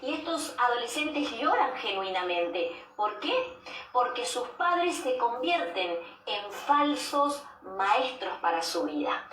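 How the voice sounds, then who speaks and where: Woman preacher, unhurried delivery, repeats phrases for emphasis, distant mic, faint noise behind. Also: a little high, very animated, fairly bright tone, echoey room. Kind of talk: devotional sermon.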